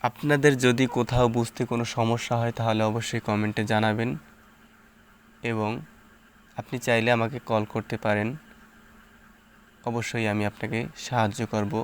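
A man teaching Quran reading, sounding out each syllable slowly and patiently, with short explanations between drills. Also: mid-range voice, flat delivery, a little hiss or hum. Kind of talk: slow syllable-by-syllable recitation lesson.

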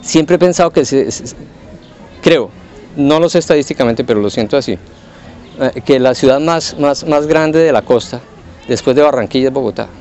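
A man's voice: medium pitch, moderate pace, a little mellow, dull audio. A man giving his opinion in casual chat, tentative and thinking aloud. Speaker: interviewee.

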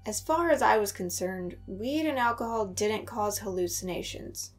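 A woman narrating a first-person horror story in an expressive storytelling read. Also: medium pitch, moderate pace.

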